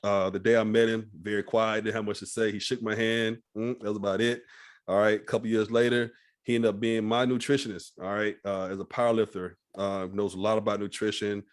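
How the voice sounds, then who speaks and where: This podcast host is a man with a lowish, level voice and a brisk delivery. He conducts an interview in a laid-back, casual way, frequently tacking on "all right?" and swearing freely.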